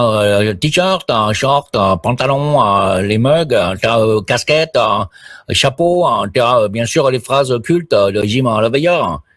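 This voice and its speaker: A man's voice: medium pitch, dry recording, studio quality. A middle-aged man chatting on a live stream, rambling with many hesitations and crude slang. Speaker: live streamer promoting his platform.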